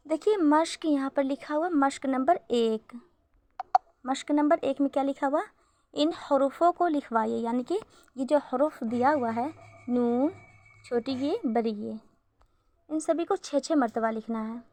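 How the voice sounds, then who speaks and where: A woman's voice: sits high, warm tone, a little hiss or hum. A woman teaching a beginner Urdu reading lesson, patiently spelling out letters syllable by syllable.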